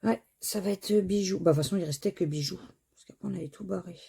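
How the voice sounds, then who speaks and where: Woman, husky, gravelly, spells letters slowly, chatty scratch-card vlog. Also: fairly low pitch, warm tone. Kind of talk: casual commentary while scratching tickets.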